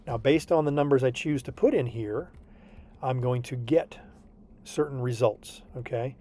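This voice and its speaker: A man with a warm, medium-pitched voice speaks at normal speed while tutoring a student by video call. He goes through the homework patiently and reassuringly, checking in with "okay?" now and then.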